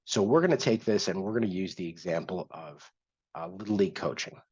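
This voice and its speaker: This workshop host's voice is low, gravelly and darkish, with a breathy edge, big pitch swings and a slightly fast pace. He walks through a screen-share tutorial step by step, conversational and sometimes restarting, over dull lo-fi sound.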